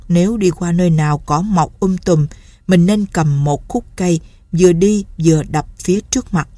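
A woman voicing an older village snake healer who gives calm, practical advice. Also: fairly low pitch, no room sound, close to an everyday voice. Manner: calm, instructive.

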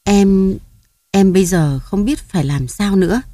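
A woman reading the part of a young mother, helpless and meek, talking softly and hesitantly. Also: medium pitch, measured pace, no room sound, clean studio sound, close to an everyday voice. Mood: tearful.

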